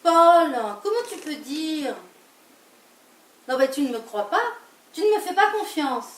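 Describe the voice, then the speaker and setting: A woman's voice: sits high, very animated. A woman playing a flustered, guilty wife on stage. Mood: defensive. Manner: flustered, quick protests and repeated denials. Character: anxious adulterous wife, flustered and defensive. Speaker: stage actor. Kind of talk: live stage play acting. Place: theatre stage. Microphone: distant room mic. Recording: echoey, distant stage recording, faint hiss.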